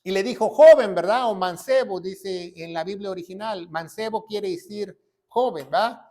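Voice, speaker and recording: A man preaches a sermon in a notably high voice. He tags his points with rhetorical questions and lifts into sudden loud emphasis. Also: normal speed. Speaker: pastor.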